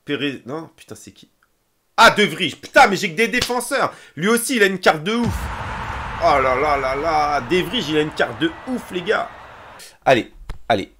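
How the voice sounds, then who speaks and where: A young male gaming streamer with a high, bright voice calls out each pack opening, chanting and yelling as the cards are revealed. A faint hum sits in the room behind him. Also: moderate pace. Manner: excitable, chants and shouts at reveals.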